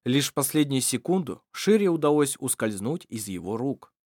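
Expressive audiobook reader. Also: medium pitch, normal speed, dry recording, clean studio sound. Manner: expressive, acting out every character. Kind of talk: scripted narration of a fantasy novel.

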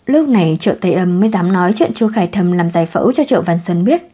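A woman narrating a romance novel in an even, measured storytelling manner. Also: lowish voice, husky. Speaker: audiobook narrator.

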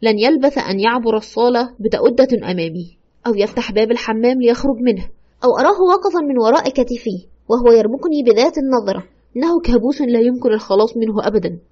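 A haunted widow, played by a woman, pours out her tale of a ghost that will not leave her. She speaks very fast and a little high, with the fear held close under every line. The audio is slightly muffled, as if from a lo-fi audio drama. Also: lively intonation, warm tone. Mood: tense. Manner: fearful, urgent, breathless retelling. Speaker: storyteller consulting a doctor.

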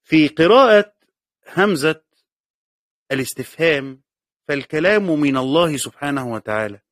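A man's voice: fairly high pitch, lively intonation, moderate pace, no room sound, studio quality. Egyptian man lecturing on a text. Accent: Egyptian Arabic. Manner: reads a passage aloud, then explains it, repeating key words. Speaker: teacher of Quran commentary. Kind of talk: classroom lecture reading and explaining a text.

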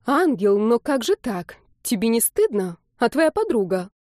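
A woman's voice: a little high, sing-song, unhurried, darkish tone, dry recording, clean studio sound. A woman voicing a cheerful middle-aged mother who teases her son in a playful singsong. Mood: teasing.

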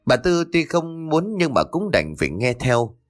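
A man's voice: fairly high pitch, big pitch swings, unhurried. A man narrating a scripted horror story in a dramatic, suspenseful way.

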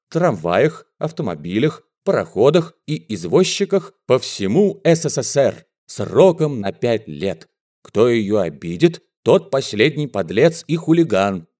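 Man voicing a wiry thirtyish bandit, ringing tenor, fiery oaths, swooping lively delivery, storybook reading. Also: on the low side. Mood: solemn. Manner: fiery, chest-thumping oaths. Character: thin male bandit, 35, ringing tenor, hot-tempered.

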